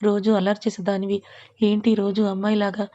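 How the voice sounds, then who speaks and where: A woman voicing a gently questioning mother. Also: medium pitch, monotone, fairly quick, no room sound, dull audio, lightly acted. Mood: probing. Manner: probing.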